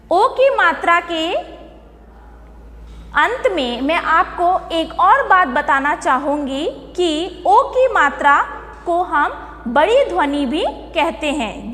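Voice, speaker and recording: A woman's voice: extremely high pitch, fairly bright tone, big-room sound. A woman teaching a primary school Hindi lesson who asks the class questions, repeats the answers and stretches out words to model pronunciation. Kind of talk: slow, deliberate classroom lesson.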